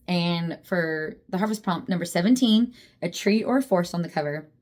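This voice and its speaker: A woman's voice: on the low side, moderate pace, a little mellow. A young adult woman chatting casually about books, laughing often and poking fun at herself. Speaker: book vlogger. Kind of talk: casual chat.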